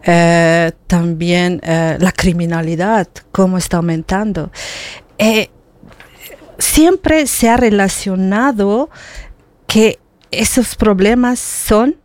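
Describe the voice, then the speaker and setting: A woman's voice: medium pitch, takes it slowly, a little mellow, no room sound. A middle-aged woman talking earnestly in a casual conversation, often repeating words as she searches for them. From Bolivia. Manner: earnest, with frequent hesitant repetitions.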